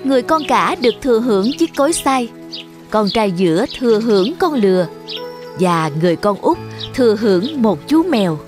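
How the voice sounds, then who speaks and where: A female storybook narrator with a fairly high voice reads a scripted children's fairy tale over background music. She moves at a moderate pace with big swings in pitch.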